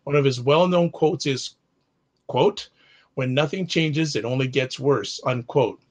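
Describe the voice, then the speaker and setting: A man's voice: medium pitch, a little slow. A man from Canada hosting a live online talk show, reading a formal introduction of his guest and then chatting loosely with him. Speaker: host.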